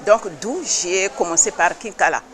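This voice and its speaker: A woman from the Republic of the Congo, president of an association, answering interview questions earnestly and insistently, with hesitant pauses. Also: medium pitch, fairly bright tone.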